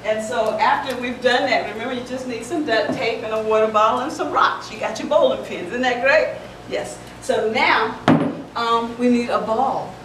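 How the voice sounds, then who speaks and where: The founder and director of a children's center, a middle-aged woman, chats through a casual how-to demonstration in a large indoor playroom, often restarting her sentences. Her voice is on the high side, steady in tone and at normal speed. A camera microphone across the room picks her up, so the sound is echoey, distant and very noisy.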